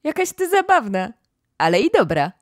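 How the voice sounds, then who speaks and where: A woman reading an audiobook, voicing a curious, excitable young girl who talks eagerly and wide-eyed. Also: a little high, normal speed, dry recording, studio quality, pitched above the performer's own voice.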